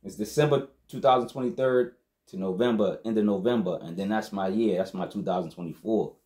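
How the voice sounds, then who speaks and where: Man, low-ish voice, casual hip-hop album review, slangy, loose delivery. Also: a little fast, warm tone. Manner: slangy, loose, keeps saying "you know what I'm saying".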